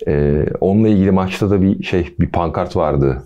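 A man hosting a football podcast, talking casually with a relaxed, chatty manner and jokey asides. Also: low voice, a little fast, lo-fi sound.

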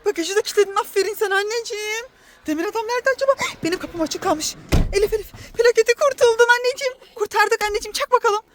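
Mom vlogger, high voice, animated and excitable; outdoor phone recording with clear noise behind. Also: female voice, fast. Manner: animated, excitable, urgent shouting during pretend chase games. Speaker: mother filming her children. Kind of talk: family vlog play-acting with kids. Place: in and around a car outdoors.

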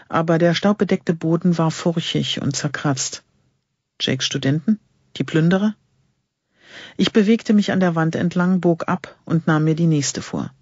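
Husky man reading an audiobook. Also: fairly high pitch, a little mellow, dry recording. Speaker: audiobook reader. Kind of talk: scripted narration. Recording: dull lo-fi recording.

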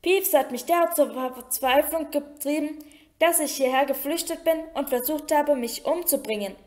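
A woman's voice: high-pitched, moderate pace, darkish tone, voice pushed up, lightly acted. A woman reading an audiobook, voicing a moody, weepy ghost girl who complains tearfully. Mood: whiny.

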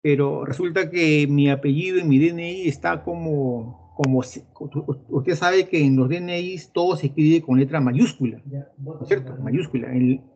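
Middle-aged Peruvian male teacher, slightly high voice, chatty online lecture, muffled audio. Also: a little mellow. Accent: Peruvian Spanish. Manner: chatty, addresses students directly. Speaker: pre-university math teacher. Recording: dull lo-fi audio with faint noise.

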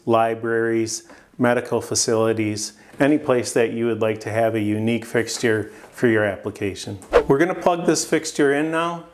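Man explaining a product in a studio. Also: mid-range voice. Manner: plain, unhurried explaining with some filler pauses. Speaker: product presenter. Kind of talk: product demonstration. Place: studio with plain backdrop, indoors.

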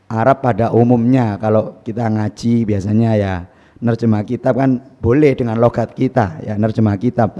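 A man teaching Quran recitation, explaining patiently and reciting Arabic verses slowly with stress. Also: mid-range voice, dark tone, in a large hall. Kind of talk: instructional talk with recitation demos. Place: pesantren hall.

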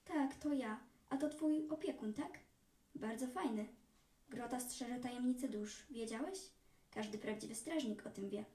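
A woman's voice: on the high side, unhurried, mellow, close to an everyday voice. A woman reading the lines of a kind, wise grandmother's ghost in a storybook reading. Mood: gentle. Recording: echoey hall from far off.

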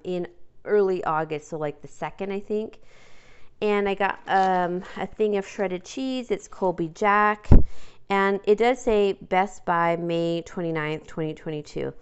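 A woman's voice: medium pitch, clear, resonant tone, highs cut off. A woman chatting casually at home while showing a grocery haul, rambling with fillers and small laughs. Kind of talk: casual chat. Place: home kitchen counter, indoors.

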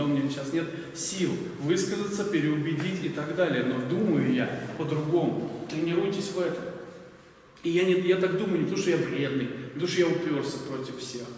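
Standing at a lectern in a church hall full of light from big windows, a man in his forties delivers a sermon in a chatty, filler-heavy style, questioning his audience. He speaks briskly in a slightly high, darkish voice with a little hiss or hum. The recording is distant and echoey, taken from afar with a stand mic at the lectern.

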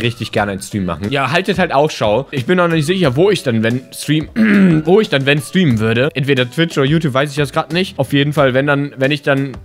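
A man chatting through his game footage, hoarse and worn out, his voice straining at its limit. He talks in a casual, slangy, excitable way at an ordinary pitch. Soft music runs faintly underneath. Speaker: gaming YouTuber. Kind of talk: casual gameplay commentary.

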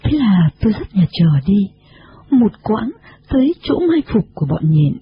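A woman narrating a storybook in an expressive, dramatic manner. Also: medium pitch, moderate pace. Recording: dull lo-fi recording.

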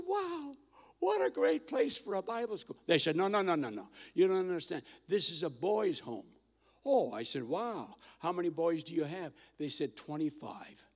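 An older man telling mission stories in a sermon on a church stage, animated and acting out the voices of the people in his stories. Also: high-pitched, creaky. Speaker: guest missionary speaker. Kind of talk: storytelling sermon. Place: large church auditorium stage. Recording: long hall reverb.

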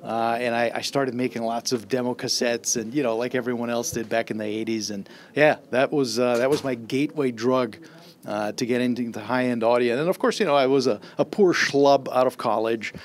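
A middle-aged man from Austria speaks into a handheld mic held close, in a casual, eager introduction. He rambles, circling back with fillers and repeated starts, at an ordinary middle pitch. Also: fairly quick. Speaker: audio writer and guest. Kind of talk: casual spoken introduction to camera. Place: trade show demo room.

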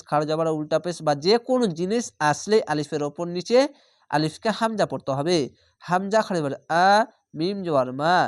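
A man's voice: a little high, no echo, clean studio sound. Methodical man spelling out a recitation lesson. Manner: methodical, spells syllables then draws out recited words. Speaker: Quran reading teacher.

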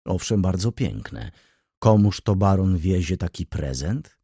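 A man's voice: low-pitched, expressive, measured pace, gravelly, dark tone, breathy edge, dry recording, clean studio sound, full character voice. A man voicing a tired, brooding middle-aged merchant who answers briefly and reservedly.

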